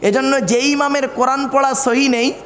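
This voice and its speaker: A man's voice: very high voice, steady tone, normal speed, a bit bright. A man preaching at a large gathering, quizzing his audience and reciting verses in a sing-song tone. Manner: quizzes the crowd with questions. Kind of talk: sermon at a religious gathering. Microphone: microphone over speakers. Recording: echoey hall reverb, faint ambience.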